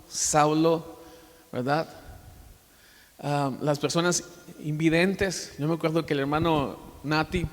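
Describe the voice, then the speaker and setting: A man preaching a sermon as pastor, telling stories and swinging between loud emphatic lines and soft, quiet asides. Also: high-pitched. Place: church sanctuary. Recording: long church reverb.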